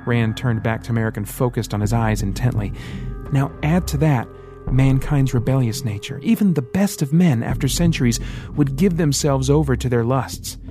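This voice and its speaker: A man reads an audiobook in steady, scripted storytelling. His pitch sits in the ordinary middle range, and soft music runs faintly behind him. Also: moderate pace. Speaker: audiobook narrator. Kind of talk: scripted narration.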